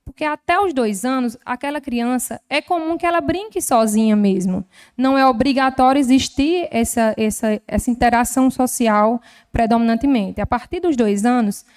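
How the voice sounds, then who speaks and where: A health professional with a Northeastern Brazilian accent lectures at a formal session in a slightly high, smooth voice. She explains step by step and piles up everyday examples. Her tone is gently didactic. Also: moderate pace. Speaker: health professional giving a talk. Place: legislative chamber.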